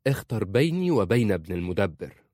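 A man reading aloud and voicing a proud, stubborn young wife in a raised, higher voice. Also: fairly quick, warm tone, dry recording, studio quality. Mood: demanding.

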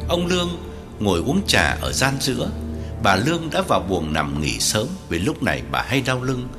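Expressive male audiobook narrator. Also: mid-range voice, moderate pace, over music. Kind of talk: scripted narration.

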